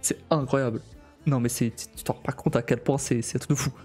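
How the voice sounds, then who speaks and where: A man chatting casually on a live stream, his voice mellow and dark in tone. He talks haltingly and keeps restarting his sentences, often breaking into laughter. Soft music plays faintly behind him. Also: medium pitch, fairly even intonation.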